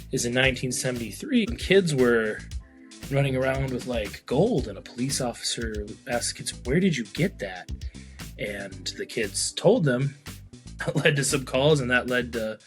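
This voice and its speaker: A man casually telling a travel story, animated and laughing between lines. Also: medium pitch. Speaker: co-host.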